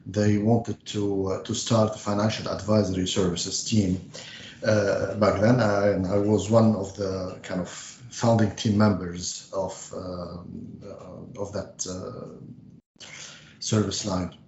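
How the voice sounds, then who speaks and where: A man's voice: low-pitched, flat delivery, a little mellow, roomy sound, lo-fi sound, a little hiss or hum. A middle-aged man from Lebanon, a banker answering interview questions with many hesitations. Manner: measured, frequent hesitations. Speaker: investment banker guest.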